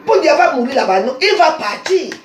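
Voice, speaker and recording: Recorded on a phone amid slight background noise and roomy echo, a Cameroonian social media personality goes on an aggressive live rant, repeating her insults. Her high-pitched female voice is very animated and a little fast, with a Cameroonian French accent.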